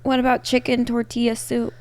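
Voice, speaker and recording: A woman's voice: a little high, monotone, a little fast, a little mellow. Giggly young woman rambling on tangents. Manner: rambling, laughs a lot, goes off on tangents. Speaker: podcast co-host. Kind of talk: casual chat.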